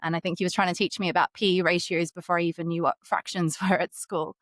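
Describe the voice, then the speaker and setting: In clean studio sound with no echo, a woman with an Australian accent speaks quickly in a lowish, fairly bright voice with flat delivery. A fintech executive guest, she answers interview questions about her career articulately and upbeat, laughing lightly as she tells stories.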